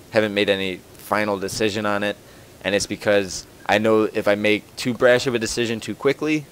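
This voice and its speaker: Low-voiced rambling young man podcaster. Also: a little hiss or hum. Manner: rambling, joking, lots of fillers and restarts. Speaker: podcast host. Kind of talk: casual podcast chat answering listener questions.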